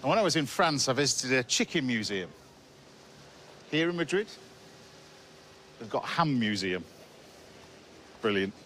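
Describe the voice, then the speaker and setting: Out on a busy city street, a man who's a chef and TV host chats enthusiastically to camera about food, full of food-focused asides. His mid-range voice swings widely in pitch, moving a little slowly with frequent pauses. The outdoor recording picks up street noise.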